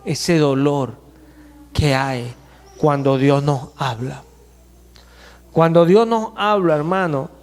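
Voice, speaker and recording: A man preaching a sermon as pastor, emphatic and slowing to stress key words, in a church. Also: fairly high pitch, a little mellow. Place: church hall. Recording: long church hall reverb.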